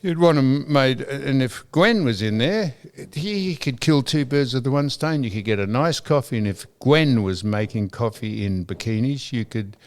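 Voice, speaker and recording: A man's voice: medium pitch, expressive, moderate pace, few pauses. An Australian man co-hosting a podcast in casual chat, telling rambling stories with lots of stammered restarts. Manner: rambling, stammering storyteller who repeats himself. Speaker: podcast co-host.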